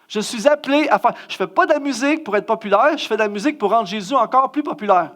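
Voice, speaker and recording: A middle-aged man with a Quebec French accent giving a self-mocking, story-driven sermon as a guest speaker and musician. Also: quick pace. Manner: animated, self-mocking, acts out scenes with big pitch jumps.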